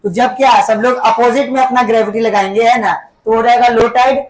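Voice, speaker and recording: Woman teacher, kinda high voice, keeps asking the class to say it back, lots of "right?" tags. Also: fairly even intonation, fairly quick, slight background noise. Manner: keeps quizzing the class with repeat-back questions; tags sentences with "है ना" and "ठीक है बेटा". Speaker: school teacher. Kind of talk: classroom lesson.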